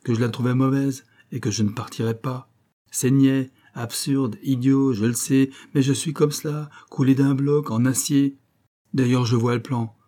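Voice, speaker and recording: Audiobook role: a male reader voicing a despairing young gentleman, plaintive and stammering, pitched higher and pushed louder. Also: steady tone, normal speed, close to an everyday voice. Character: distraught young man, rich man's son, despairing. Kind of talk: audiobook character voice.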